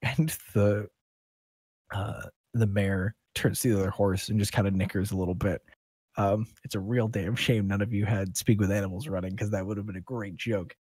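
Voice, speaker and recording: Game master, male, very low husky voice, dry close mic, loose joking narration. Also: steady tone, moderate pace, a little mellow, no room sound. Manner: casual, rambling, joking, swears.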